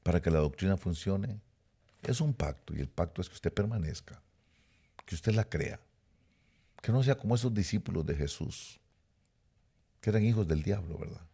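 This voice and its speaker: A man's voice: deep voice, lively intonation, normal speed, gravelly, pauses often, dark tone, slightly rough. A middle-aged man preaching a sermon, emphatic and repetitive, speaking straight to his listeners. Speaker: pastor.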